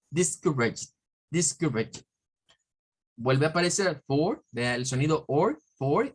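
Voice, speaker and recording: A man's voice: on the high side, fairly bright tone. Brief Male teacher, patient, stretches out and repeats example words. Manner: slow, drawn-out model words repeated several times; explanatory, often checking with "¿verdad?". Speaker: English teacher. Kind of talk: pronunciation lesson.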